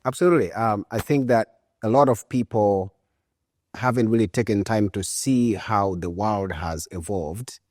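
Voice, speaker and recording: Deep-voiced man in his 40s from Uganda, relaxed and reflective, dry close mic. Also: moderate pace, dry recording. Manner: relaxed, thoughtful, with frequent fillers. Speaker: guest entrepreneur. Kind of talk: conversational interview.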